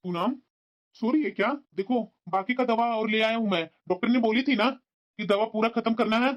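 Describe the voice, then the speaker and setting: A woman's voice: a little high, moderate pace, lo-fi sound, soft background music, close to an everyday voice. A woman voicing a caring young husband and son in a cartoon, who argues back in an earnest, reasoning tone. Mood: arguing.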